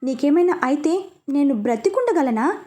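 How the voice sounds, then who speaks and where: A woman voicing a hot-tempered, possessive young man in love, who talks in sharp, scolding questions. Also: sits high, lively intonation, moderate pace. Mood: heated.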